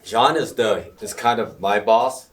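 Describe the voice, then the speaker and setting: A man's voice: lowish voice, measured pace, a bit bright, far from the mic. A man in an acting class giving eager, instructive tips to his scene partners between takes, heard from across the room. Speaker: acting student. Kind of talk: casual coaching between takes.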